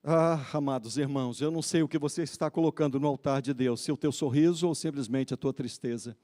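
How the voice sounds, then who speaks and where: A male pastor preaching a sermon, swinging between loud exhortation and quiet, intimate questioning of the congregation. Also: mid-range voice, fairly even intonation, fairly quick. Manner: pleading, exhorting.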